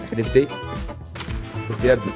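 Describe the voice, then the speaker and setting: A young man with an Egyptian Arabic accent giving casual, excitable commentary over a video game he is playing. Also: medium pitch, music in the background. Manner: excitable, rapid banter and repeated exclamations. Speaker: gaming YouTuber.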